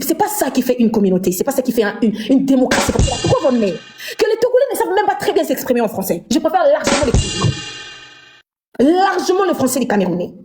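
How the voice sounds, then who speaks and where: A woman's voice: high-pitched, a little mellow. A woman, ranting and mocking on a live stream and laughing between insults. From Congo. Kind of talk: heated live-stream rant.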